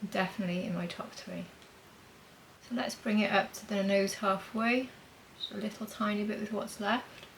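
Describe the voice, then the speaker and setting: A woman's voice: mid-range voice, steady tone, moderate pace, gravelly, fairly bright tone, slight background noise, rough recording. A woman demonstrating makeup in a chatty vlog, thinking aloud as she applies blush and powder. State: talking with a mint in her mouth. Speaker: beauty vlogger.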